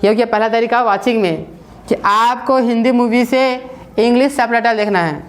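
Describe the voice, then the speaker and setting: A woman with a slightly high voice teaches spoken English in a loose, chatty classroom way. She repeats herself often and keeps checking that her listeners follow, slipping English words into her talk. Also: normal speed.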